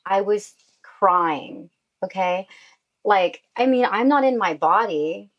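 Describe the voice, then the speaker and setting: A woman's voice: mid-range voice, expressive, takes it slowly, dull audio. A woman guest telling her own story in a casual interview, with an emotional delivery and many fillers. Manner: emotional, uses "like" often.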